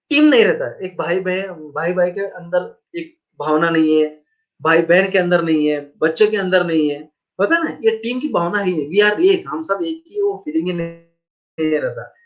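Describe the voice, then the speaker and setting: A man with an Indian English accent giving a webinar lecture as a trainer, mixing Hindi and English and asking rhetorical questions. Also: high-pitched. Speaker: lean manufacturing trainer. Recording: dull lo-fi webinar audio.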